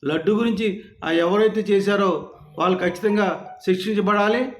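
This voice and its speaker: High-voiced man in an angry rant. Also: normal speed, roomy sound. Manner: scolding, insulting, rhetorical questions. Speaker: political commentator. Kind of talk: angry political rant to camera.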